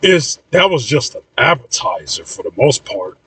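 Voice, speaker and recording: A man's voice: medium pitch, sing-song, moderate pace, sharp tone, breathy edge, no echo, heavily acted. Drawling stoner dude, read by a man. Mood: goofy. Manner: drawling slang, "bro". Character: laid-back young male stoner cousin. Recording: voice a bit far from mic.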